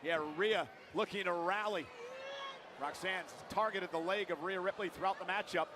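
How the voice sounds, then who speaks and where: A man's voice: high-pitched, moderate pace, a crowd in the background. A man calling live pro wrestling as play-by-play commentator, emphatic, naming each move in short bursts. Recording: very loud arena noise behind.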